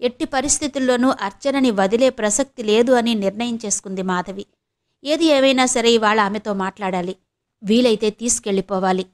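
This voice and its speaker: Soft-spoken woman narrating an audio novel. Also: on the high side, fairly quick. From India.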